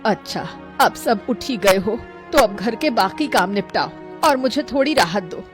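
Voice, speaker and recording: A woman's voice: medium pitch, animated, unhurried, natural voice. Nagging cartoon grandma of five girls, woman voicing her, dramatic, music under. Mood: scolding. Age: older.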